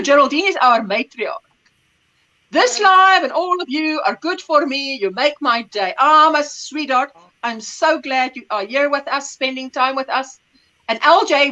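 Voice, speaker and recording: This middle-aged Afrikaans-speaking woman hosts a casual livestream chat, reading comments while she rambles, hunts for words, and laughs often. Her voice is high and sharp in tone. The recording quality is rough.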